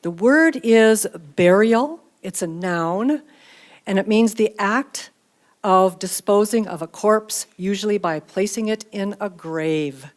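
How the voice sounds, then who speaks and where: A woman acting as spelling bee pronouncer, reading out words and definitions in a measured, clearly enunciated way. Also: mid-range voice.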